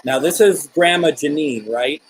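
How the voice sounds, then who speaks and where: Man gently questioning spirits, noisy background. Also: on the high side. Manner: gentle, coaxing questions with pauses. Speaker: host of a live spirit-communication session. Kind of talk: live-streamed seance, addressing spirits and viewers.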